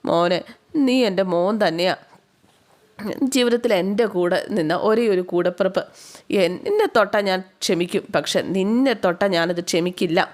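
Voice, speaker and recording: A woman's voice: fairly low pitch, normal speed, a little mellow, natural voice. A woman voicing a fiercely protective elder sister who scolds in indignation. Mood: indignant.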